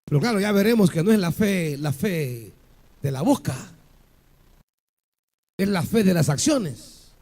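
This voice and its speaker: A male pastor preaching a sermon with passion, asking the congregation rhetorical questions and building to shouted peaks. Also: high-pitched, expressive, unhurried, pauses often.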